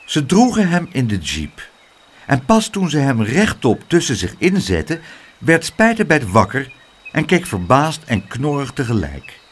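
A man reading a children's storybook aloud in a lively, expressive way. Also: medium pitch, unhurried, breathy edge.

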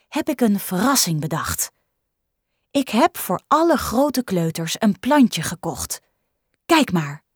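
A woman doing a gentle kindergarten teacher. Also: medium pitch, slightly rough, dry recording, clean studio sound, heavily acted. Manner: gentle, coaxing. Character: warm patient female kindergarten teacher. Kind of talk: storybook reading.

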